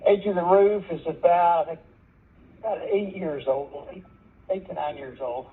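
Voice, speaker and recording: A man's voice: high-pitched, normal speed, slightly rough. A man on speakerphone selling his home, giving short, agreeable replies in a casual phone chat. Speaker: home seller on a phone call. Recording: tinny phone line on speaker.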